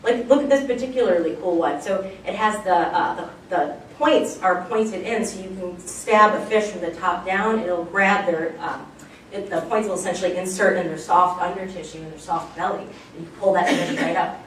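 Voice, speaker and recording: A woman's voice: fairly low pitch, moderate pace. A woman giving a chatty, enthusiastic public lecture on archaeology, with many fillers. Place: lecture room, recorded from far off. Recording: very echoey room, distant mic, faint background noise.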